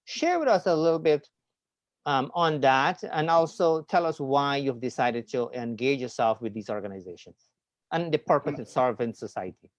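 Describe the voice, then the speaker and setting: A man's voice: medium pitch, moderate pace, dry recording. Guy hosting a chat show, rambly and friendly, lots of ums, dry kinda dull mic. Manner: friendly, rambling, many fillers. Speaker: talk show host. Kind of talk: casual interview chat.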